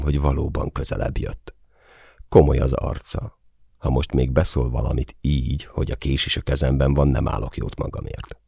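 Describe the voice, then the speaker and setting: A man's voice: a bass voice, gravelly, dark tone, no echo. A man narrating a first-person audiobook in a dry, wry, terse manner.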